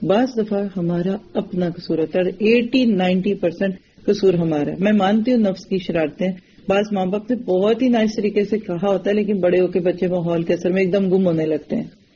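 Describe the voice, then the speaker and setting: A woman's voice: medium pitch, dark tone, muffled recording, slight background noise. A woman giving a religious lecture in an earnest, direct way, often putting rhetorical questions to her listeners. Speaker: religious teacher.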